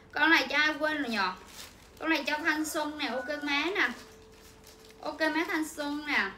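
Her high, sharp-toned voice runs through the usual livestream sales chat as this young clothing seller keeps chattering and repeating her pitch. The room echoes, and a little ambient noise sits in the background.

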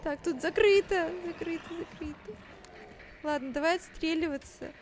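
A woman live-streaming a horror game in casual, excitable commentary, with the cute manner of an anime streamer. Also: very high voice, moderate pace, a little hiss or hum.

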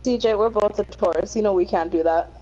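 A woman playing a game with friends, excitable and teasing, laughing often as she chats. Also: mid-range voice, brisk, muffled recording, background noise. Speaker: fellow player. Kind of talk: casual gameplay chat.

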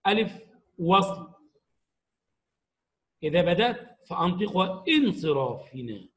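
A man teaching an Arabic grammar lesson to young pupils, explaining slowly and stressing each example word. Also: high voice, low-quality recording.

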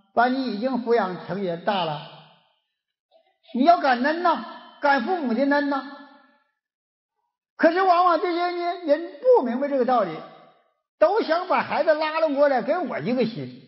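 A man's voice: very high-pitched, expressive, moderate pace, long pauses, lo-fi sound. A man from Northeast China with a Northeastern Mandarin accent, giving an earnest moral lecture full of rhetorical questions, recorded in a lecture hall.

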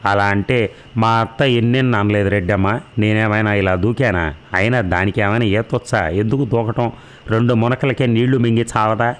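A man reading the part of a middle-aged village mother-in-law who wails and laments in drawn-out phrases. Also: lowish voice, steady tone, close to an everyday voice. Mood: defensive. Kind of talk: storybook narration.

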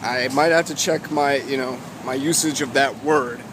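A man, giving casual advice in a halting, emphatic way as he vlogs outdoors. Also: medium pitch, steady tone. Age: 20s. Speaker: guitar vlogger. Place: outdoors walking along a city street. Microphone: phone at arm's length, wired earbuds in. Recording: loud wind and street noise on phone mic. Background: wind, traffic, urban ambience.

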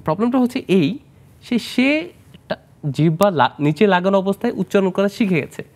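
In a high-pitched, darkish, expressive voice at a moderate pace, a male plastic surgeon from Bangladesh explains treatments during a studio health interview. He uses English medical terminology and sometimes turns questions back to the host.

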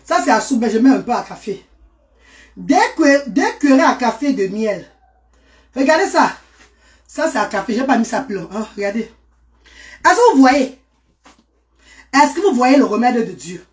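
High-pitched woman going live, voice jumping all over, calling out to viewers by name, bit of noise. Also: moderate pace, long pauses. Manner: animated, exclamatory, greets viewers by name. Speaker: live streamer. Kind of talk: casual live stream talk.

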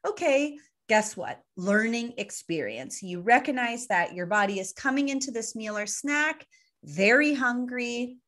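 A woman's voice: a little high, animated, measured pace, a bit bright. A woman co-hosting a podcast who explains ideas playfully with vivid analogies. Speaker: podcast co-host. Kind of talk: casual explanatory chat.

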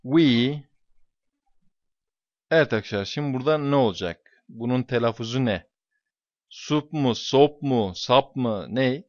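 An emphatic man teaches a class and walks through exam questions, hammering home key words by repeating them. His voice sits at a middle pitch. It sounds dull and lo-fi in a dry space with no room echo. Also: a little slow, long pauses. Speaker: English teacher.

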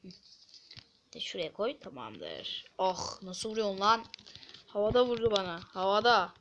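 A woman's voice: medium pitch, very animated, moderate pace, vocal fry, fairly bright tone, highs cut off, slight background noise. A woman casually commentating her gameplay, talking to viewers with muttered asides. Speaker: gameplay video host.

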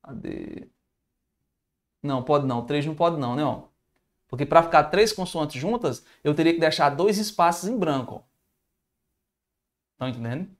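Brazilian guy teaching math on a livestream, higher voice, chatty, reads out comments. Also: animated, normal speed, pauses often. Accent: Brazilian Portuguese. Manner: informal, thinks aloud, reads viewer comments. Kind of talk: live-streamed math review lesson.

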